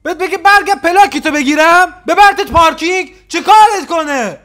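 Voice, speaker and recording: High-voiced man mocking clips sarcastically. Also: sharp tone. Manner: teasing, sarcastic, quick retorts. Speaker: reaction video host. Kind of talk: casual mocking commentary.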